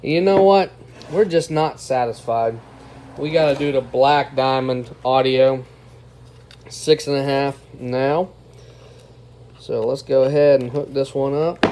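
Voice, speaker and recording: Hosting an unscripted car audio product test, a man with a mellow, mid-range voice speaks in a steady tone at a measured pace with long pauses. He chats informally with his viewers, addressing them as "guys," against a clearly noisy background.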